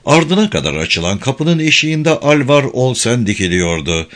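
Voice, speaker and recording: A man's voice: mid-range voice, normal speed. A man narrating a prison thriller audiobook in a dramatic, scripted reading. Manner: dramatic, expressive.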